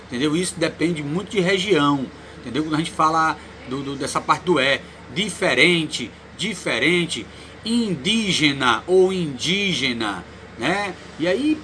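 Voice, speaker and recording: A man with a Cearense Brazilian accent teaching a Portuguese lesson, explaining slowly and checking in with "né?" after nearly every phrase. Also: high voice, sharp tone, a little hiss or hum. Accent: Ceará, Brazil. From Ceará, Brazil. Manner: explains slowly, tags lines with "né?", repeats words. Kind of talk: recorded online lesson.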